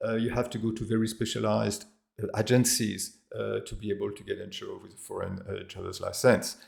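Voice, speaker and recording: Speaking to camera in a relaxed way, this middle-aged man with a French accent, an expat vlogger from France and Australia, stumbles through fillers and restarts. He has a lowish, darkish voice with vocal fry.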